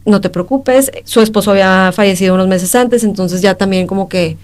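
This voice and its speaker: A young woman with a Mexican accent, a podcast guest giving an emotional personal testimony in halting speech, acting out the exchanges she recalls. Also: medium pitch, darkish tone. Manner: emotional, halting retelling that acts out quoted exchanges.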